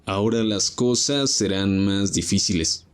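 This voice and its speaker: A man voicing a calm, scheming young male camper who talks matter-of-factly in a confessional monologue. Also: fairly low pitch, a little slow, lightly acted. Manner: matter-of-fact, calculating.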